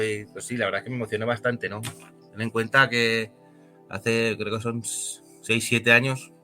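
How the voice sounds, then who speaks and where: A man from Spain, a football club director, talking in a halting, heartfelt way as an interview guest. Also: medium pitch, bright, forceful tone. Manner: emotional, halting.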